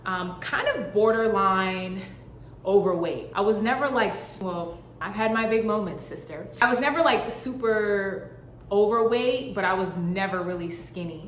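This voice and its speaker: Speaking in a lowish voice, a young fashion-brand founder from Boston, Massachusetts, chats playfully to the camera for a vlog, full of fillers. The room is echoey with faint ambient sound and slight hiss or hum.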